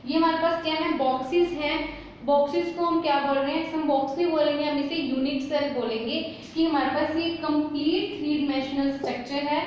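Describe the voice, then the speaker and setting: Woman teacher, high voice, asks and answers her own questions, echoey room, slightly muffled recording. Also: steady tone, brisk, a little hiss or hum. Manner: asks rhetorical questions and answers them herself, repetitive; mixes English terms into Hindi explanation. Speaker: chemistry teacher. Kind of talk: whiteboard lesson.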